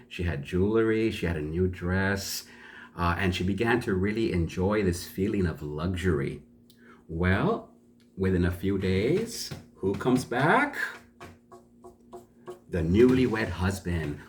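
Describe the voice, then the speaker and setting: A man's voice: sits low, a little hiss or hum. A man telling a folk tale for learners in a chatty way, stopping to ask his listeners questions and explain words. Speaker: storyteller.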